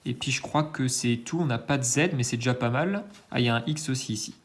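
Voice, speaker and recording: Quick-paced and mid-range, a man runs his own scratch-card channel, musing hesitantly over lottery tickets as he scratches, with lots of filler sounds and self-deprecating asides.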